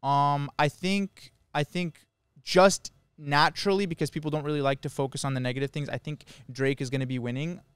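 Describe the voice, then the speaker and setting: A man's voice: fairly high pitch, steady tone, brisk, hardly any pauses, clean tone, dry recording. A young man chatting casually as a podcast host, telling stories in slangy, exclamatory bursts. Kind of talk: casual joking podcast storytelling.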